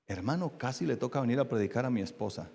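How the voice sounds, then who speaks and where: A man's voice: medium pitch, animated, quick pace, creaky, breathy edge. Preaching man in a reverberant church. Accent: Colombian Spanish. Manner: preaching with rising intensity, then quieter and confiding. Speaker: pastor. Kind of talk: sermon. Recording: long church hall reverb.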